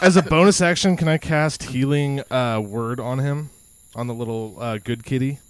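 A man's voice: medium pitch, normal speed, smooth, dry recording. A man playing a tabletop game with friends, joking and describing his character's moves. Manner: animated, joking. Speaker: player. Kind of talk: casual tabletop game chat.

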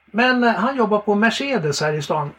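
A Swedish man sharing a faith testimony in lively storytelling, animated and laughing often. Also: high voice. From Sweden.

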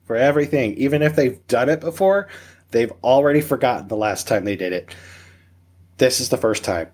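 A man's voice: mid-range voice, animated, fairly quick, a little mellow. A man talking as a guest on a parenting podcast, joking and emphatic, firing off rhetorical questions. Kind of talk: casual conversational interview.

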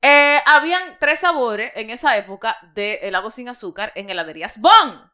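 A woman's voice: a little high, expressive, normal speed, sharp tone. A young woman co-hosting a podcast in casual chat, laughing often and swearing freely. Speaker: podcast co-host.

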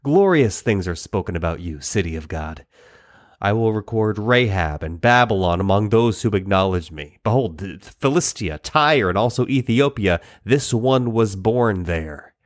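A man reading scripture aloud, delivering the psalms as an expressive, dramatic reading that climbs higher on pleading passages. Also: moderate pace, no echo, clean studio sound. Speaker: Bible reader.

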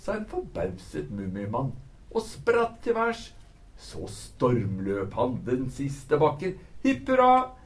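Man reading a rhymed picture book aloud, very animated melody, sing-song. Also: mid-range voice. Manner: lively, sing-song storytelling. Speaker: book talk presenter.

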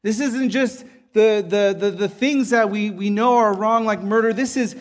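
A man's voice: sits high, moderate pace. A man preaching a sermon earnestly, often checking in with the listeners by asking "right?". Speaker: pastor.

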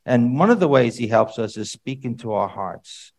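A man preaching a sermon to a congregation in a conversational way, with rhetorical questions and sudden loud emphatic bursts. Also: mid-range voice, animated, normal speed.

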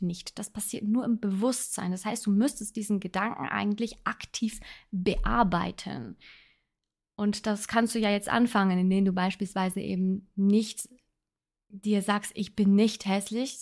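A woman's voice: medium pitch, darkish tone. A woman talking casually on her self-help podcast, thinking aloud and giving earnest advice. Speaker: podcast host.

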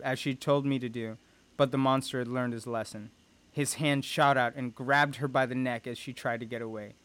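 A man's voice: medium pitch, fairly bright tone, dry recording. A man reading a first-person adventure story aloud with tense, dramatic delivery. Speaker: audiobook narrator. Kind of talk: first-person audiobook narration.

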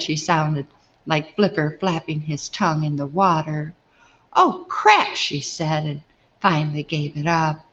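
A woman's voice: low-pitched, dull audio. A woman narrating a personal story in a humorous, chatty, self-deprecating way.

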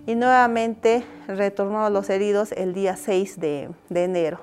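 A Peruvian woman gives measured documentary testimony, carefully recounting dates. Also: mid-range voice, fairly even intonation, a little mellow. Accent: Peruvian Spanish.

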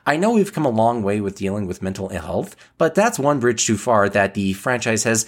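A man's voice: on the low side, very animated, moderate pace. A man hosting a review show, delivering scripted commentary. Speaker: host of an episode review show.

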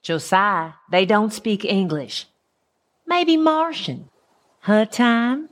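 Casting: an actress as a wary, sharp-tongued woman, unhurried and expressive, over clear music. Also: medium pitch. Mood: sardonic. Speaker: lead character Lizzie.

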